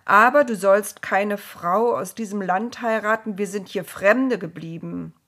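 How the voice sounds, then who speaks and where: Stubborn old patriarch, a woman reads him, slow and breathy. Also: mid-range voice, a bit bright. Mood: firm.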